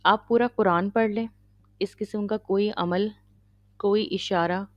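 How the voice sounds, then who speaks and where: Woman lecturer, measured teaching tone, dull dry recording. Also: mid-range voice, steady tone, no room sound. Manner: measured teaching, checks listeners with "okay?". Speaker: Islamic lecturer. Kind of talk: religious lecture.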